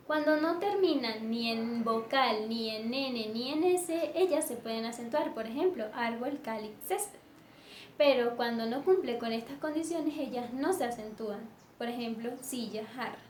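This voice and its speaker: A woman teaching a lesson in a measured way, with fillers and self-corrections. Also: fairly high pitch, lively intonation. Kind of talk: explanatory lesson. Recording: echoey room with faint background noise.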